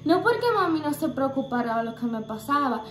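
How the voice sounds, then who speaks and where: High-pitched young woman sharing a faith testimony, earnest and halting, roomy echo. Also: lively intonation, soft background music. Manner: earnest, halting, many fillers and restarts.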